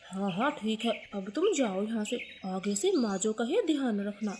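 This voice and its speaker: A woman's voice: mid-range voice, expressive, moderate pace, dark tone, slight background noise, lightly acted. A woman voicing a scolding old female sparrow mother-in-law in a storybook cartoon, speaking in a harsh, taunting tone.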